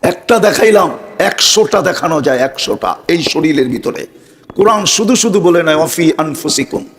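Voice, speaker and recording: An Islamic preacher delivers a fervent sermon to a live audience, firing rhetorical questions straight at his listeners. His voice sits high and sounds fairly bright, animated, and at normal speed.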